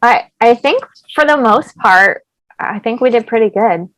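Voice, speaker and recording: This young woman's voice is a little high, animated, and a bit bright, keeping a measured pace on a rough recording with no room sound. As a podcast host, she chats casually and fills her speech with lots of "like."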